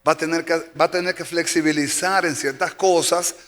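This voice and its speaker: Dominican pastor preaching in a reverberant church. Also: male voice, on the high side, steady tone, moderate pace, fairly bright tone. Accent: Dominican Spanish. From Dominican Republic. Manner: emphatic preaching, repeats key phrases for effect. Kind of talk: sermon. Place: church sanctuary. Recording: long church reverb with faint music.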